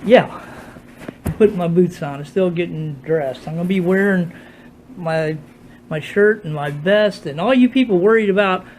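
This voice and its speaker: A man's voice: high-pitched, darkish tone. An older, retired man talks in a casual, folksy, devout ramble, his words slightly slurred with no dentures in. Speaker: motorcyclist video blogger. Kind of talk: casual morning vlog. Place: at home while getting dressed.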